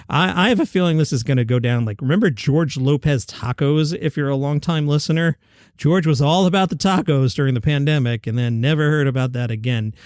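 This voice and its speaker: A man with a somewhat high, darkish voice hosts a comedy news podcast, reading headlines and tossing in dry, offhand asides. His voice sounds slightly worn, and the recording has no echo.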